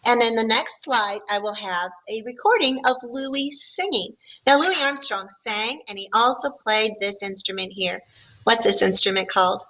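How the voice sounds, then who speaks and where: A woman teacher with a bright, rather high voice reads a picture book aloud to young students at a normal speed. Friendly and patient, she pauses between passages to ask them questions and explain the story. The recording is rough.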